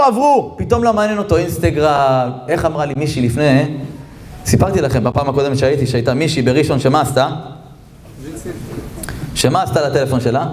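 A man giving a lively Torah lesson as a rabbi, telling stories, chuckling as he talks and slowing down to stress the texts he quotes. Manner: animated, jumps into character voices and high exclamations; chuckles while talking. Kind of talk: lively sermon with storytelling.

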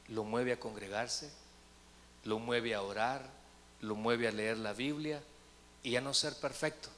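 Animated preaching man, bright voice, echoey hall. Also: mid-range voice, a little hiss or hum. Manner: animated storytelling, acts out voices. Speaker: pastor. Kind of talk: sermon. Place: church sanctuary.

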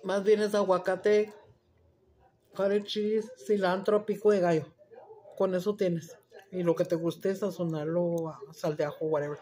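A woman's voice: on the low side, fairly even intonation, measured pace. Crude, brash woman vlogger. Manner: loud, crude, swears freely, switches between Spanish and English. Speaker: mukbang cooking vlogger. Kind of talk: casual chat while cooking and eating.

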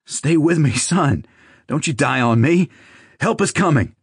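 A man voicing a desperate middle-aged father who shouts and pleads with a trembling voice. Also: a little high, lively intonation, measured pace, slightly rough, dry recording, studio quality, pitched above the performer's own voice, exaggerated voice. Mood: pleading.

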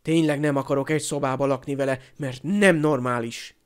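A man voicing a resentful teenage boy who hisses and shouts his outbursts. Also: medium pitch, fairly even intonation, smooth, natural voice. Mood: hostile.

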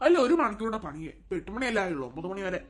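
A woman's voice: mid-range voice, very animated, rapid-fire, natural voice. A woman voicing an elderly farm worker in a cartoon, fretting aloud to themself about children in danger. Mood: musing. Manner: fretful, talks to self.

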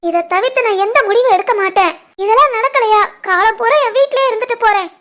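A woman with a Kanyakumari-Tirunelveli Tamil accent voicing a stubborn, tearful, lovesick young woman in an animated family story, pleading and plaintive. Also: very high-pitched, fast. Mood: despairing.

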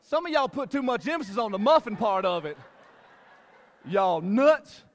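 A male preacher giving a sermon at a church service into a handheld mic. He is energetic, jokes with the congregation and repeats his phrases. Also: sits high, normal speed, big-room sound. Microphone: handheld microphone.

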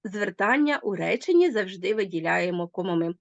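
Lively woman teaching a grammar lesson. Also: medium pitch, normal speed, creaky, no room sound, lo-fi sound. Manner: lively, emphatic explaining.

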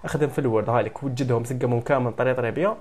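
A man with an Algerian Arabic accent giving a software tutorial, briskly mixing French computer terms into his speech. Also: mid-range voice. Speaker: software instructor. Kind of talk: screen-recorded tutorial.

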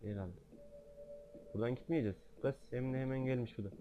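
Excitable swearing man narrating gameplay. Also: mid-range voice, quick pace, lo-fi sound, a little hiss or hum. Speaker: gamer. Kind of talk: let's-play gaming commentary.

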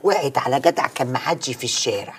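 A woman's voice: a bass voice, expressive, fast talker, husky, full character voice. A woman with an Egyptian accent playing a doting, gossipy mother who fusses over her son.

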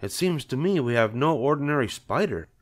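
Man voicing skeptical farmer's wife, raised pitch. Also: animated, a little fast, lightly acted. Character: farmer's wife, bewildered, skeptical, sensible woman.

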